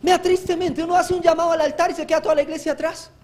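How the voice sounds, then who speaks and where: A male pastor giving a live church sermon, fervent and exhorting, breaking into shouts and joking asides. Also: very high voice, flat delivery, very fast, a little hiss or hum. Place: church service.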